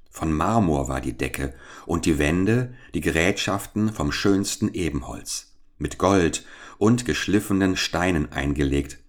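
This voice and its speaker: A man reads an old fairy tale aloud in a calm, even storytelling voice. His pitch sits very low, giving the narration a deep, steady base. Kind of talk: fairy-tale audiobook reading.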